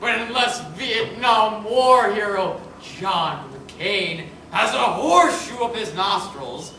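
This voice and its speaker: A man's voice: high voice, animated, slow pace, sharp tone, a little hiss or hum, exaggerated voice. A man playing a smug, partisan cable news anchor with a sneering, mock-solemn delivery. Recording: echoey stage from a distant mic.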